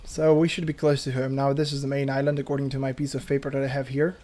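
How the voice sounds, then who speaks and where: A man giving excitable let's play commentary, laughing and talking to himself as he plays. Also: mid-range voice, quick pace. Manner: excitable, laughs, talks to himself while playing. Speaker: gaming YouTuber. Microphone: headphones on, desk mic.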